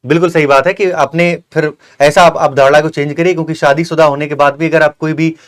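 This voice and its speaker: A young man interviews a guest and drifts into long, earnest advice. His voice sits a bit high, and he repeats himself and fills pauses as he goes. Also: flat delivery. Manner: earnest, repetitive, lecturing with many fillers. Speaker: host of a coaching channel. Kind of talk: interview with a successful candidate.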